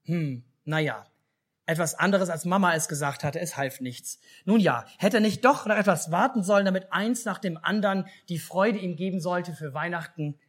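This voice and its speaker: Lively German storyteller man. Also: sits high, brisk, few pauses. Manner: lively storytelling, asks children questions. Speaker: pastor. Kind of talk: children's story in a church service.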